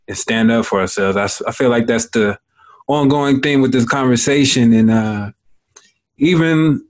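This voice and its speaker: A man's voice: medium pitch, darkish tone. A young adult man hosting an interview, talking casually with lots of fillers and informal slang. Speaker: interviewer, host. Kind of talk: casual conversation.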